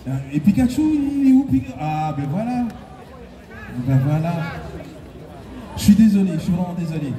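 A singer acting as concert host uses a high, sing-song voice, unhurried at a moderate pace with long pauses. He playfully teases the convention crowd on a large indoor hall stage, laughing and firing them up. Recorded from the audience, his handheld mic echoes distantly through the PA over loud cheers.

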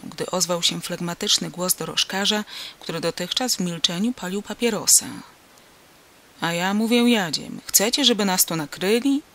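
An audiobook narrator with a bright, clear tone, reading a novel in scripted narration. The pace is steady and the delivery is even throughout. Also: mid-range voice.

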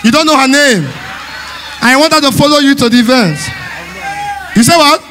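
Man, Nigerian Pidgin accent, stand-up comic, very high voice, teasing and shouting. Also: moderate pace, slight background noise. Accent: Nigerian Pidgin English. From Nigeria, Delta State. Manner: loud, playful, teasing the crowd, often shouting and laughing. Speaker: stand-up comedian. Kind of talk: live stand-up comedy at a church event. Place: church hall stage.

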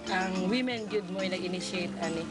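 A woman from the Philippines proudly explains her co-op's membership in a documentary interview. She sounds distant from the mic, and loud music nearly covers her voice. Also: lowish voice, brisk.

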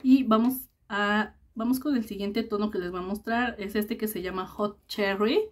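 A young adult woman with a mid-pitched voice hosts a casual beauty review vlog, addressing her viewers directly. She talks in a relaxed, chatty way, with plenty of fillers and affectionate diminutives. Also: normal speed. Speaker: beauty vlogger.

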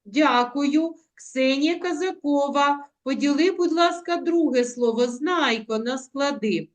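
A woman teaching young children in an online class, coaxing them with diminutives and drawing out words slowly for them to repeat. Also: sits high. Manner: affectionate, coaxing, uses diminutives; slow, drawn-out word modelling. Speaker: primary school teacher. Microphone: video call.

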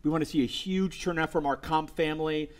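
An upbeat man, a chef walking viewers through a cooking demo with enthusiastic patter. His voice sits a little high for a man. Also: fairly even intonation, fairly quick. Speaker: chef cooking on a live show. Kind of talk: live cooking demo chat.

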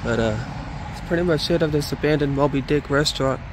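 A man's voice: fairly high pitch, fast talker, noisy background. A young adult man narrating a casual exploration vlog, recorded outdoors on a handheld phone. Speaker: vlogger, urban explorer. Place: outdoors at night by an empty building. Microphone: handheld phone at arm's length.

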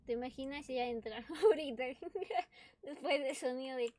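Playing a horror game, she keeps up a chatty, casual commentary, though she's easily spooked and bursts into screams and uneasy laughter. Her high voice is a little mellow, with fairly even intonation and a moderate pace.

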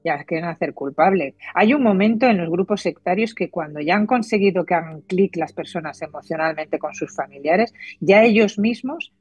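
A woman's voice: fairly low pitch, expressive, normal speed, few pauses, a little mellow, breathy edge, no room sound. A woman psychologist with a Spain Spanish accent explaining at length in casual chat, with frequent restarts. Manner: explanatory, many restarts, laughs easily. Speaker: psychologist guest. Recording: dull lo-fi dry audio.

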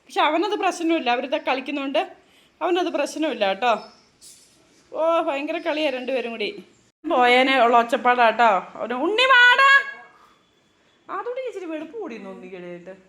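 A high-pitched woman in her thirties talks in a chatty, doting way, drifting into slow teasing asides. She is a mother filming a casual family vlog at home. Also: animated.

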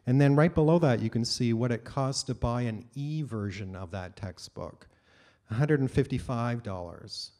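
A middle-aged man giving a conference keynote on a large auditorium stage, speaking into a handheld microphone in a measured, explanatory way with occasional fillers. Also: medium pitch, warm tone.

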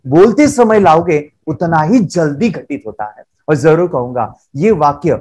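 Energetic male trainer, fairly high voice, drives each point home by repeating it. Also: a little slow. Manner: emphatic, repeats phrases and affirmations, pleads with listeners. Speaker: motivational trainer. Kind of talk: energetic workshop lecture. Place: seminar room with a seated audience.

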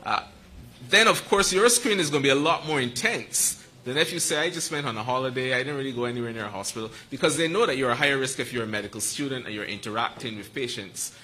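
A man answering questions at a press conference about quarantine and screening, explaining with quick asides. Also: medium pitch, sharp tone, low-quality recording. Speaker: medical school panelist.

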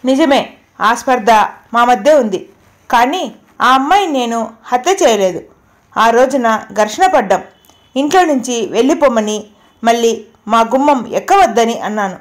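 Woman doing a calm young guy who won't flinch, kinda high voice. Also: measured pace, long pauses. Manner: steady, fearless. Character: accused young man, calm and steady.

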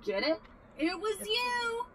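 A woman's voice: very high voice, sing-song, slow pace, very noisy, heavily acted. A woman voicing a chirpy, cheerful robot guide in a video game who talks with bubbly surfer-style enthusiasm. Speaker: game robot host character.

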